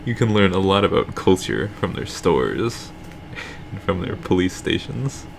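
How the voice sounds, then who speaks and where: A man's voice: sits low, big pitch swings, measured pace, creaky, background noise. A man co-hosting a game playthrough, reading the story text aloud with dry, wry asides. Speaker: let's play co-host reading the game text. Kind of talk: narrating a visual novel aloud.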